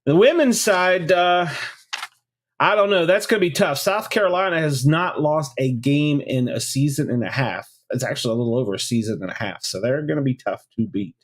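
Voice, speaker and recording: Still congested from a chest cold, this chat show co-host talks college basketball in a rambling way, leaning on the same filler words. His voice sits on the high side and moves a little fast.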